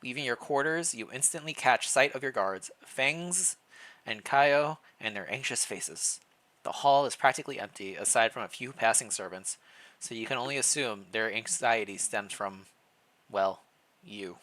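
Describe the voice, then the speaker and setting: On a laid-back livestream, a streamer reads fan fiction aloud, playfully reacting out loud and now and then tripping over the words. The voice sits in the mid range and moves at a moderate pace.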